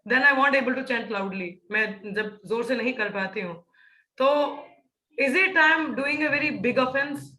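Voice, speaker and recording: A woman's voice: high-pitched, slow, bright, forceful tone, roomy sound, poor audio. A woman teaching a scripture class, mixing Hindi and English and checking in with her students again and again. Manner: explanatory, many "ठीक है" check-ins.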